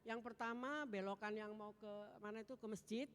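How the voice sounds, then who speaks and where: A woman gives a spoken testimony before a congregation, telling her story with animated energy and acting out the other people's voices. Her voice sits in the middle range for a woman. It carries a long reverb, as in a large hall. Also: mid-range voice, a little fast. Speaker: church member giving testimony.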